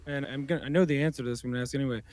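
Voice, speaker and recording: A man's voice: mid-range voice, fairly even intonation, very fast, a little mellow, dry recording. A man hosting a podcast interview, asking loose, rambling questions in a friendly, chatty way. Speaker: podcast host. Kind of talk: conversational interview.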